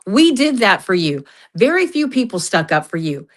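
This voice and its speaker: A woman's voice: mid-range voice, sing-song, moderate pace. A woman in a confrontational, sweary argument on a live stream, repeating words for emphasis.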